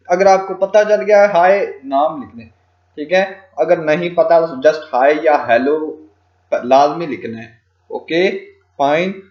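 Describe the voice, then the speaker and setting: A man walks through a tutorial at a very slow pace, spelling out English phrases one word at a time as he types them and dropping in short fillers between steps. His voice sits a little high for a man. It comes through as a dull, lo-fi recording in an echoey room. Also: darkish tone. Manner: frequent fillers "ok ji" and "theek hai". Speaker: freelancing tutor.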